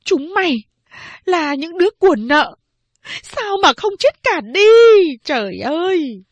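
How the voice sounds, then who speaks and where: A woman's voice: lively intonation, takes it slowly, no room sound, full character voice. A woman voicing a furious, worn-out older peasant mother who screams and curses at her daughters. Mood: furious shouting. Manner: shrill scolding, wailing curses.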